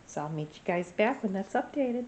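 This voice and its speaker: Speaking fairly quickly and in an animated way, a woman with a medium-pitched voice rambles through a casual gardening vlog, congested and clearing her throat. Her chat is full of fillers and restarts, and there's noise in the background.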